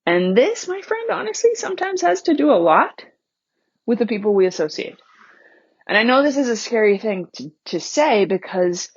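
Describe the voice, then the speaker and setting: A woman's voice: mid-range voice, slightly rough, muffled recording. A woman in her thirties hosting a podcast and telling personal stories in a candid, conversational way, laughing now and then. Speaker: podcast host.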